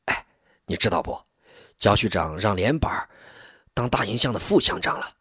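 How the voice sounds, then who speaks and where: A man's voice: on the low side, expressive, moderate pace, sharp tone, husky, dry recording, studio quality, heavily acted. A man voicing a loyal, practical militia captain who speaks plainly and earnestly.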